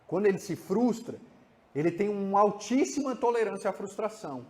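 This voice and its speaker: Fairly quick and high-voiced, a Brazilian-accented man lectures on psychology with lots of energy, dramatizing examples and frequently ending remarks with tag questions.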